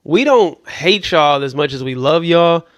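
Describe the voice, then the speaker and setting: A man's voice: on the high side, animated, a little slow, a bit bright, dry recording. A man hosting casual reaction commentary, loose and joking, sometimes dropping into mutters. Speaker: commentary host.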